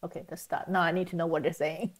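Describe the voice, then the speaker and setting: A middle-aged woman giving casual reaction commentary, speaking in a halting, reflective way and often rephrasing herself. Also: on the low side, little pitch movement. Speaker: reaction video host.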